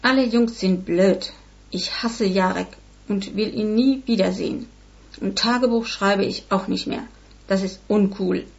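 Woman reading as a pleading, sulky teen girl, higher voice, slightly dull recording. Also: measured pace, vocal fry. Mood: defiant. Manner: whiny pleading. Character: sulky defiant thirteen-year-old girl.

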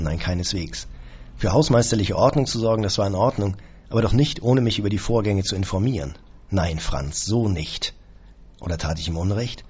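A man's voice: lowish voice, a little mellow, husky, muffled recording. A man reading a first-person audiobook in a dry, sardonic, theatrical manner. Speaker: audiobook narrator.

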